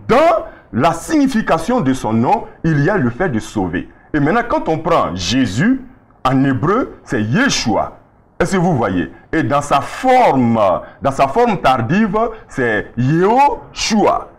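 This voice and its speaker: A male preacher teaching a Bible lesson, explaining slowly and often checking that his listeners follow. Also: a little high, wildly swooping pitch.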